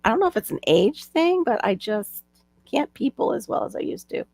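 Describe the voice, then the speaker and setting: A middle-aged woman hosts a casual livestream from home, chatting and laughing often over a video-call mic with no room sound. Her voice sits a little high and is sing-song, brisk and creaky, with a darkish tone.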